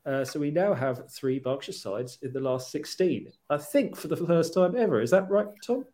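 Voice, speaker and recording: Halting male sports podcast host. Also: fairly high pitch, lively intonation, warm tone. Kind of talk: casual sports talk, presenting results.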